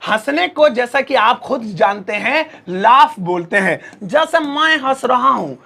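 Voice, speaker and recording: High-voiced, gravelly male teacher. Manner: lively, playful, drawn-out example phrases. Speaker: English teacher. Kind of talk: casual spoken lesson.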